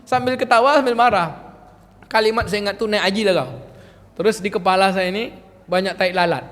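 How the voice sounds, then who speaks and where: A man's voice: high voice, steady tone, fast talker, fairly bright tone. A male religious teacher, giving a chatty, joking study lecture and speaking directly to the women listening. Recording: reverberant hall, faint ambience.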